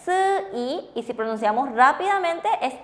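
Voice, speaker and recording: High-voiced woman teaching with patient questions. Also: lively intonation, measured pace. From Paraguay. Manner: patient, repeats and confirms answers. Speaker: language teacher co-hosting. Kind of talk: classroom explanation with questions.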